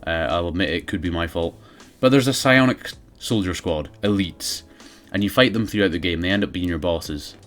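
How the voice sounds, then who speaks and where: A man's voice: low-pitched, moderate pace, a bit bright. A man giving casual, sardonic, sweary comedic commentary as a video game reviewer.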